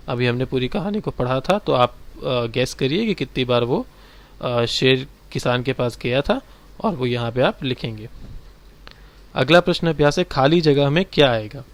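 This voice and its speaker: Man teaching a children's lesson. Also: mid-range voice. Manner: explains slowly, addresses children directly. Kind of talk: textbook exercise lesson for children.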